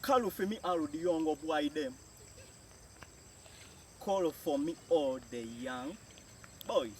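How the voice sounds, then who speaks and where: Recorded from a distance with faint outdoor sounds behind him, a language teacher with a Jamaican accent speaks each phrase, gives its translation, and frequently repeats. He's a man with a slightly high, somewhat mellow voice who takes things slowly.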